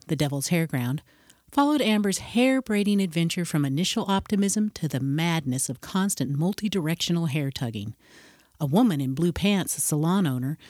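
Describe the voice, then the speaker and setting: A woman narrating a podcast introduction in a measured, scripted way. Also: low voice, a little mellow, dry recording. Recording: dry close recording.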